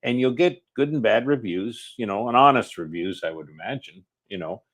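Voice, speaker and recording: A man's voice: fairly low pitch, lively intonation, moderate pace, a bit bright. A man co-hosting a casual livestream, reading out viewer comments in a chatty, offhand way with lots of fillers.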